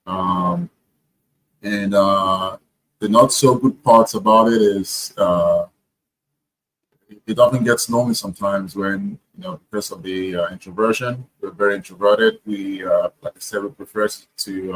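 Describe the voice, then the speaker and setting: A man's voice: on the low side, unhurried, fairly bright tone, low-quality recording. A man talking casually to camera, earnest and reflective, with frequent hesitations and restarts. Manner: hesitant, many ums and restarts. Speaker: vlogger.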